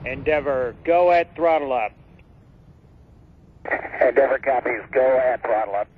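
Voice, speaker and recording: A man's voice: mid-range voice, unhurried, breathy edge. A man making terse, procedural space mission calls over a radio link, like a sci-fi communicator. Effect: crackly radio transmission. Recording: muffled, hissy space-to-ground radio.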